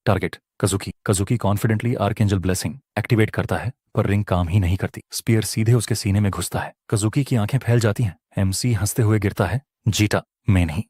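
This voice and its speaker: A man with a very low, deep voice tells a comic story recap with dramatic flair. The sound is dry and close, with no room around him. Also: darkish tone, slightly rough, no echo. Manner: dramatic storytelling, quoting characters. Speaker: narrator. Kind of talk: manhwa recap narration.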